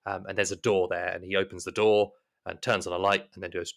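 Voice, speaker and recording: A man narrating a tabletop horror game as game master in a relaxed way. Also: low-pitched, fast talker, vocal fry.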